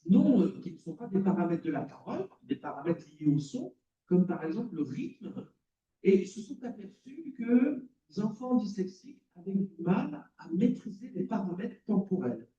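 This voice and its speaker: A male lecturer gives a conference talk in a lecture hall and keeps putting questions to the audience. His voice is high for a man but dark and mellow in tone. It is picked up from a distance in a roomy space, with a dull, muffled sound. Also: sing-song, moderate pace. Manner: explanatory, quizzes the audience. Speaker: lecturer in cognitive psychology.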